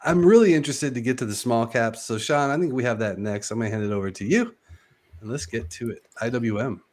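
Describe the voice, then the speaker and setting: A man's voice: mid-range voice, fast, darkish tone. A man hosting a casual trading show, upbeat and loose, with plenty of fillers as he walks through charts. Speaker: host. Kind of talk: casual market chat.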